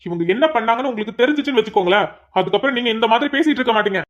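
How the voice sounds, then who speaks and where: A woman's voice: on the high side, lively intonation, lightly acted. A woman voicing an angry, domineering young husband who gives harsh orders in a cartoon, on a dull lo-fi recording. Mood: furious. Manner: commanding, harsh, rapid. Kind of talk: cartoon voice acting.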